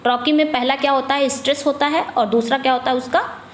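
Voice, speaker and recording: Teaching English for exam prep, a woman with an Indian accent asks her own questions and then supplies the answers, reading slowly and dropping low on each answer. Her intonation is fairly even, and the reverberant audio carries a bit of hiss or hum.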